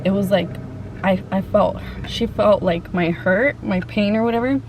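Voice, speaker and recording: A woman chatting casually and haltingly to viewers in slangy, informal speech while eating, sometimes with her mouth full. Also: mid-range voice, darkish tone, low-quality recording. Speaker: mukbang vlogger. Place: open-top Jeep outdoors. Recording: clear car and outdoor ambient noise.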